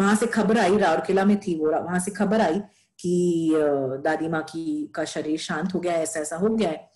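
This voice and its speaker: A woman's voice: medium pitch, warm tone, rough recording. A young adult woman giving an earnest motivational talk, sharing a personal story and mixing English phrases into her speech.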